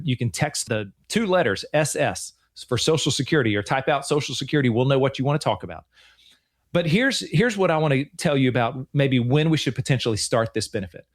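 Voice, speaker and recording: A man in his forties, a financial advisor hosting a show, talking in an earnest, chatty way and often repeating himself. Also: medium pitch. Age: 40s. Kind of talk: casual radio-show chat.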